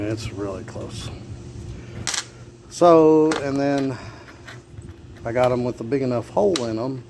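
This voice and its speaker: A man talking casually and plainly, thinking aloud as he narrates a hands-on repair. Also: medium pitch. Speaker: amateur car repair vlogger. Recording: clear background noise, vehicle ambience.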